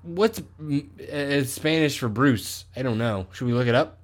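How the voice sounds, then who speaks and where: A man's voice: mid-range voice, a little slow. A man co-hosting a podcast in casual comedic chat, rambling and profane, often correcting himself. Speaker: podcast co-host.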